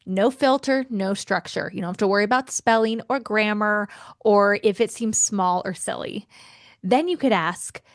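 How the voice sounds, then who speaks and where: A woman hosting a self-help podcast, talking in a chatty, expressive way and addressing listeners as friends. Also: mid-range voice, normal speed, no room sound, clean studio sound. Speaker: podcast host and life coach.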